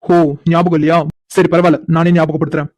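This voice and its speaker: A cocky, stubborn young man in a cartoon story, voiced by a woman, who teases and mocks without letting up. He speaks very fast in a low, flat, mellow voice. The recording is dry and close. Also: dry recording. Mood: teasing. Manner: teasing, insistent, mocking. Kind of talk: cartoon voice acting.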